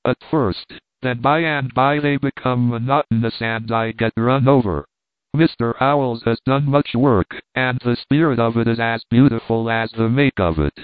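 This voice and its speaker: A man giving an even, wry, unhurried audiobook reading of essays. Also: mid-range voice, clean tone, dry recording. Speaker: reader. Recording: dry, tinny phone-like sound.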